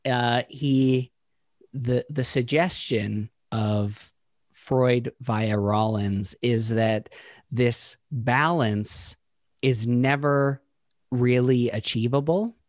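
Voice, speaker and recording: A man co-hosting a casual podcast discussion, talking in a thoughtful, halting way with frequent restarts while he works through ideas. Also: mid-range voice, no echo, clean studio sound. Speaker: podcast co-host.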